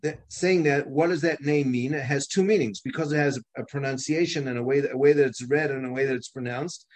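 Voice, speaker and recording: A man teaching an informal Torah class, explaining slowly and often restarting his phrases. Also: mid-range voice. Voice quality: many restarts and repeated words, conversational explaining.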